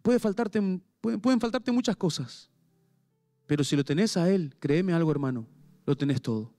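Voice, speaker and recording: Impassioned high-voiced male pastor. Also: expressive, moderate pace, soft background music. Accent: Paraguayan Spanish. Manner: impassioned preaching, swinging between soft and raised. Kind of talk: sermon. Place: church service.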